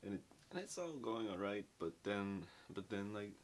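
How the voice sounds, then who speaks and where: Rambling young man with a very low voice. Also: expressive, moderate pace, a little hiss or hum. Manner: rambling, slangy, filler-heavy with lots of "like". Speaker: book reviewer. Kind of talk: casual spoken book review. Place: small dim bedroom at home.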